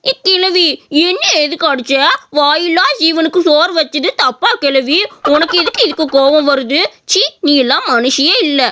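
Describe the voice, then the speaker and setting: A woman voicing a kind-hearted young boy who talks gently and coaxingly. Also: high voice, moderate pace. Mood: indignant.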